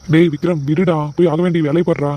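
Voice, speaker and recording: A man's voice: a little high, flat delivery, fast talker, mellow, close to an everyday voice. A man voicing a brother in a cartoon who pleads with and coaxes his sibling. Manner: pleading, persuading. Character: coaxing elder brother. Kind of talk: cartoon voice acting.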